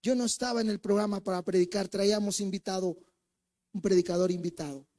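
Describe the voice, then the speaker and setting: High-voiced Mexican preacher telling a story. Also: male voice, a little fast. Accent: Mexican Spanish. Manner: animated storyteller who acts out quoted voices, swinging between loud and hushed. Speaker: co-pastor. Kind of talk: sermon with personal storytelling. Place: church.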